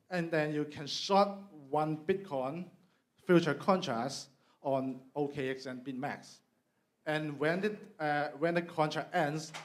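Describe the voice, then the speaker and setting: Middle-aged man speaking slightly high. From Hong Kong. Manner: casual, halting delivery with frequent fillers and restarts. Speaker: company CEO giving a talk. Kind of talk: presentation at an event.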